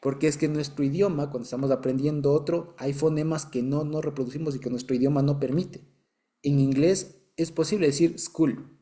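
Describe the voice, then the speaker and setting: With a slightly high but dark-toned voice, steady and a little fast, an Ecuadorian man teaches a Bible study. He patiently walks listeners through the material, keeps checking that they follow, and chuckles every so often.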